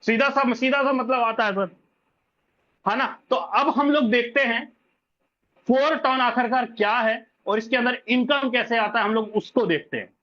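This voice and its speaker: A man giving a pushy, repetitive sales pitch in a live online meeting, calling listeners brother and sir. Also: normal speed, sharp tone, muffled recording. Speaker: crypto scheme presenter.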